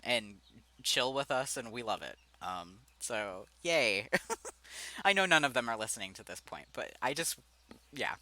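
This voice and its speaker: A man's voice: medium pitch, pushed and bright. A young man giving casual, rambling video commentary, with frequent fillers and giggles.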